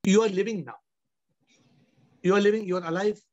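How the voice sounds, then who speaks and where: A man's voice: high voice, steady tone, brisk, darkish tone. A man in his fifties with an Indian accent, hosting a spiritual discussion with emphatic, repeated rhetorical questions. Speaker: host and spiritual teacher. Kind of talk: question-and-answer spiritual discourse. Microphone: video call. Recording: dull compressed video call audio.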